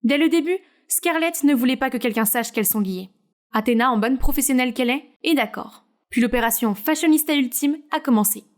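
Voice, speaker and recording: A woman narrating a story in a smooth, even storytelling manner. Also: sits high, a little fast.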